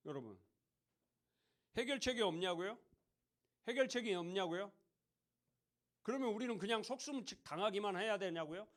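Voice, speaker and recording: A man's voice: high voice, a bit bright. A man giving a sermon to teenagers in a church hall, speaking conversationally, often asking the listeners questions and acting out mocking voices. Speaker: youth pastor.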